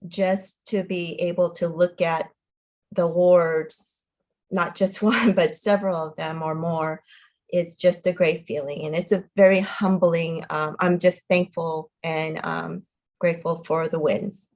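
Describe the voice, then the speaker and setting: A woman author being interviewed, modest and cheerful, laughing often and filling her pauses with ums. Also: lowish voice, fairly even intonation, darkish tone. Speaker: author guest. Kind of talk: casual interview.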